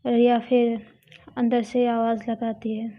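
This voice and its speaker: A woman narrating a love story in a plain, unhurried telling. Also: on the high side, level tone. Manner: slow, plain retelling. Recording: dull lo-fi recording.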